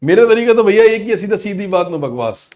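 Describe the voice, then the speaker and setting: A man teaching a live online class, energetic and coaxing, often slipping into English phrases. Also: high-pitched, quick pace.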